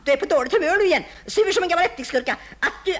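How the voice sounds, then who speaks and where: A woman's voice: extremely high pitch, lively intonation, fairly bright tone. An actress playing a nagging housewife who scolds her husband nonstop in a vintage radio comedy sketch. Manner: nagging, reproachful, theatrically wounded. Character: nagging middle-aged housewife, shrill and endlessly scolding.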